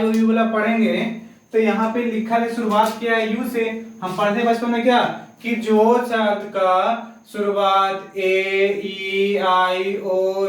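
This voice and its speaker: A male English teacher. He explains grammar in a lecture, calls his students "sir" and chants the vowels. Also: high-pitched. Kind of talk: classroom lecture. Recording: very echoey room, far from mic.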